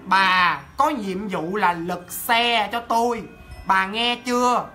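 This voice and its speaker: A one-eyed ghost boy issues slow, low, deliberate orders, as a man acts him out in a ghost story. His voice sits high for a man. Music plays underneath the storytelling. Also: bright, forceful tone, full character voice. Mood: commanding.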